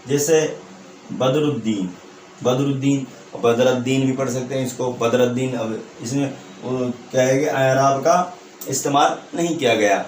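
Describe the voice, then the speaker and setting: A man teaches an online Urdu exam-prep lesson, turning each point into a question, answering it, and checking understanding with a tag question. His voice is medium-pitched with a little hiss or hum, and he sounds distant in an echoey room.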